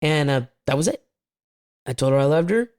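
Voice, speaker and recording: A man's voice: a little high, expressive, a little fast, a little mellow, clear, resonant tone, no echo, studio quality. A man telling his family's story as a guest, candid and rambling, with a few self-aware laughs. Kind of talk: casual personal storytelling.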